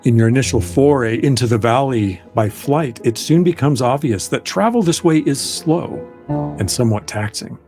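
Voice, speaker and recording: Male game master: dramatic, measured fantasy narration with literary wording, mid-pitched, light music bed. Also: a little mellow.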